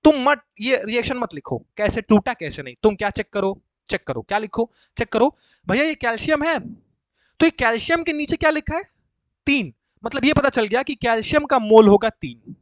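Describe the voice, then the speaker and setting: A male chemistry teacher with a very high-pitched voice explains material to students in a live class at a coaching classroom. He is chatty and coaxing, often repeating points and quizzing the students. There is no echo.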